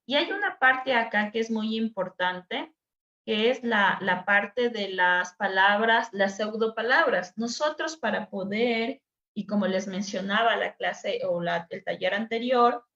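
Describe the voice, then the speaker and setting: A woman's voice: medium pitch, measured pace, sharp tone. A woman teacher talks a workshop group through test examples, patient and direct, often turning to the listeners. Her voice sits in the middle of the range. It comes over a video call from an echoey room, with a dull, lo-fi sound. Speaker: teacher running a dyslexia workshop. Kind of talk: online workshop explanation.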